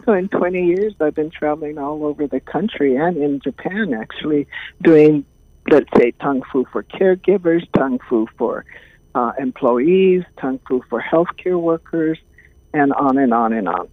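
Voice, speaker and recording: A woman's voice: deep voice, dry recording. Older woman from on a phone line. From Hawaii. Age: 70s. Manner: calm, thoughtful, many pauses and fillers. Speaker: guest, caregiving trainer. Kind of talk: casual interview talk.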